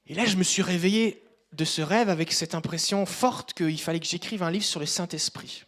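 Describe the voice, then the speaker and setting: A man preaching a sermon, telling a personal story and addressing the congregation directly, turning loud and emphatic at times. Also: sits high, moderate pace. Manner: rises to loud emphatic passages.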